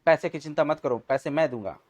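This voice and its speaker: A man's voice: on the high side, a little fast, darkish tone, close to an everyday voice. A man voicing a stern father in a children's comic story, scolding and lecturing his two sons.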